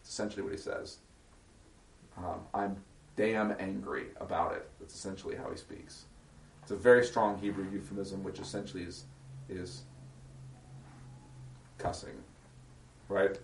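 Man, low voice, casual Bible study teacher, reads scripture then unpacks it, recorded from a distance in an echoey room. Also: level tone, normal speed, creaky, pauses often, slight background noise. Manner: asks the group check-in questions. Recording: echoey room, voice far from the mic.

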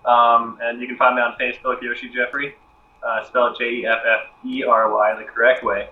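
A man joining a podcast as a guest in casual chat, talking quickly with stumbling restarts. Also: medium pitch, level tone. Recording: tinny echoey call line.

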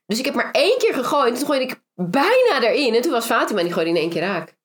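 A woman from the Netherlands, a guest in a casual interview, telling her story in a lively way with many fillers. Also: on the high side, fast talker. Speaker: interview guest, former reality show finalist. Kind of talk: casual conversation.

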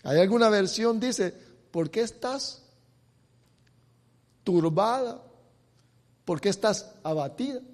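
Man, preacher, high voice, emotional sermon, soft then shouting, long reverb. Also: animated, slow pace, long pauses. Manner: swings from soft to shouted scripture.

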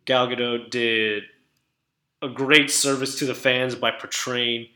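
A man chatting casually about movies, excitable and stumbling over restarts. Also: medium pitch, slow, reverberant.

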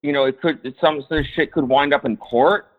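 A man's voice: on the high side, fairly even intonation, normal speed. A man calling in over a choppy phone line, chatting casually, rambling and hedging with the odd swear word. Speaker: caller. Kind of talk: casual call-in chat.

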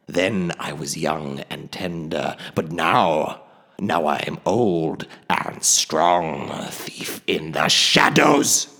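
A man voicing an ancient, huge, boastful male dragon in an audiobook reading, slow and grandiose, swelling to sudden booming lines. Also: lively intonation, creaky, bright, forceful tone, big-room sound, heavily acted.

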